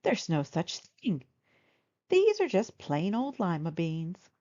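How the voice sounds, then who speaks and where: Sweet, lively old woman, as a female reader plays her. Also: fairly low pitch, slow, dull audio, heavily acted. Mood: kindly, confident. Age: older. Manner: bright, reassuring, gentle. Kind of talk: storybook character voice.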